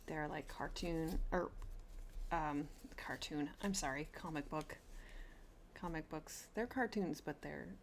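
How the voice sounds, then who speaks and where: A woman's voice: deep voice, takes it slowly, slight background noise. A woman hosting a craft vlog, chatting eagerly and gushing as she shows a haul, often restarting her sentences. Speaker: flosstube host. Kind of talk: casual chat showing a haul.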